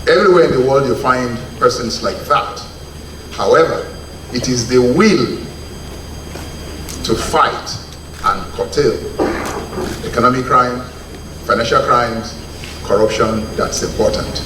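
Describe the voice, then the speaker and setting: A man with a Nigerian English accent giving a formal speech, deliberate and emphatic. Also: mid-range voice, roomy sound, recorded from a distance, background noise. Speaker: official speaking at a ceremony.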